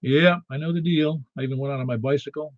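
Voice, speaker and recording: A man's voice: fairly high pitch, fairly even intonation, quick pace, no room sound. Male net host, casual and talkative, close dry sound, slightly muffled. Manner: chatty, informal. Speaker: ham radio net host. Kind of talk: casual net control chat. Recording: slightly dull, dry lo-fi audio.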